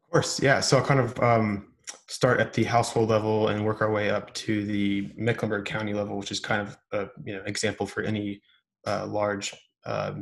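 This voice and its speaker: A man answering interview questions on a podcast, explaining steadily with frequent ums. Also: lowish voice. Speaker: podcast guest, business owner. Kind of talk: casual interview talk.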